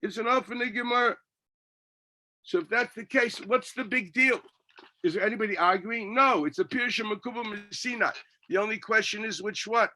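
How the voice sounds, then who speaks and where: A man's voice: sits high, moderate pace, pushed and bright. A man gives a Talmud class as a rabbi, reading text and arguing through it with his own questions and answers.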